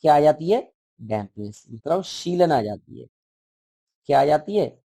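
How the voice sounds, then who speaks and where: A man's voice: a little high, sing-song, unhurried, vocal fry, warm tone, slightly rough, no room sound. Repetitive man teaching a children's lesson. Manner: repeats words and asks questions to children. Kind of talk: explaining a school textbook lesson.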